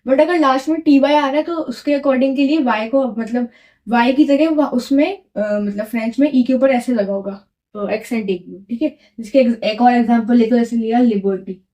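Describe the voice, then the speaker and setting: High, mellow-voiced woman teaching French. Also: moderate pace, poor audio. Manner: repeats key words with quiz questions; mixes English words into Hindi. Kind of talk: classroom-style lesson explanation.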